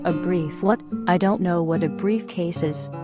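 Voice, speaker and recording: A man voicing a vain robot copy of a male co-host in a comedy podcast sketch, his voice run through a filter that makes him sound like a woman. He insists he is sexy and sounds puzzled and flat. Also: high-pitched, measured pace, lo-fi sound, music in the background.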